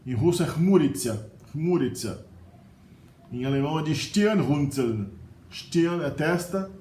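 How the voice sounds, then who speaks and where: A middle-aged man with a Brazilian Portuguese accent, his voice on the high side and mellow, teaches vocabulary slowly and with lively intonation in a casual video. Chatty by nature, he often adds a questioning "né?". The recording carries a roomy echo with faint ambience.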